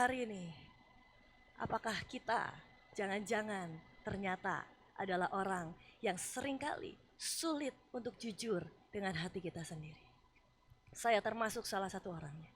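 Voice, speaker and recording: A woman pastor with an Indonesian accent preaching a sermon in a lively, conversational way. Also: medium pitch, moderate pace, a little hiss or hum. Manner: animated, acts out voices of Job and God; conversational, casual asides.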